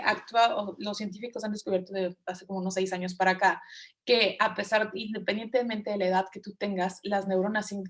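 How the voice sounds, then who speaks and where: A woman with a Mexican Spanish accent presenting a leadership webinar in a casual, chatty way, often acting out quoted inner voices. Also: mid-range voice. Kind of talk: casual spoken webinar lesson.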